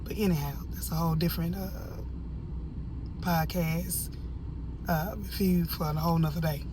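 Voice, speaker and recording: An American woman giving casual, opinionated video commentary in an animated, emphatic way, drifting into rambling asides. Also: low voice, normal speed, noisy background. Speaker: online reviewer and host.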